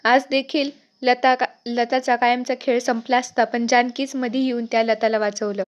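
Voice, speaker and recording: A woman voicing a bossy, scheming, sharp-tongued woman in a retold TV serial story. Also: fairly high pitch, flat delivery, normal speed, lo-fi sound, natural voice. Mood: nagging.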